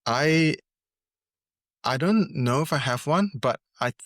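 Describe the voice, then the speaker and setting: Speaking slowly and expressively in a mid-range voice, this musician from Singapore answers interview questions remotely from Seoul. He's easygoing but hesitant, often restarting what he says, and the studio audio is clean with no room sound.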